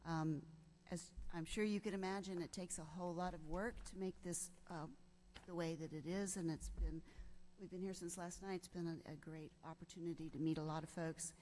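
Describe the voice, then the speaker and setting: A woman's voice: fairly low pitch, steady tone, fairly quick, a little mellow. A woman with a Southern US accent, presiding as a judge and speaking in an informal but official welcoming style. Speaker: presiding chief justice. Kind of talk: informal welcome and thanks at a formal event. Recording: faint background noise.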